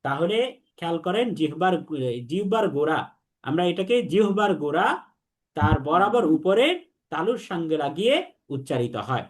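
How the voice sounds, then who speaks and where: Man, young adult, high pitch, Arabic teacher, slow repetitive drilling. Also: expressive. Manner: slow, repetitive drilling, has students repeat after him. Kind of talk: online lesson on Arabic letters.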